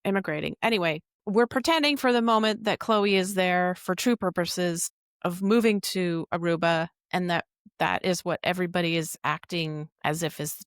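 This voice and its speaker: A woman's voice: lowish voice, normal speed, clean tone, no echo, clean studio sound. A woman co-hosting a podcast, chatting casually and explaining what she looked up in detail. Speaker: podcast co-host. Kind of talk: casual recap chat.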